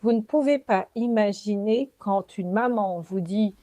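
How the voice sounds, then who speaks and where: Woman in her 40s from french guiana, podcast faith testimony, slow and thoughtful, mellow voice, dry close sound. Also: medium pitch, no room sound. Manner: slow, reflective and earnest. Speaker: podcast host.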